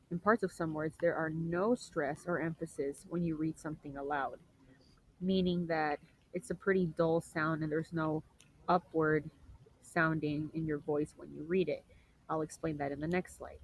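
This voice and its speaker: Young woman doing a class slideshow talk, lowish voice, keeps clearing her throat, bit of faint hiss behind. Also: low-quality recording. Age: young adult. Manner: explanatory, repeats and rephrases, frequent throat clearing. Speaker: student presenter. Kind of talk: recorded class presentation.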